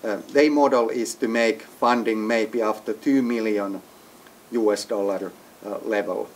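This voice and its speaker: A man's voice: lowish voice, fairly even intonation, unhurried, slight background noise. A man from Finland being interviewed as an entrepreneur, speaking English as a with hesitant phrasing and frequent restarts. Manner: hesitant, restarts often, non-native phrasing. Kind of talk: business interview. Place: executive briefing center.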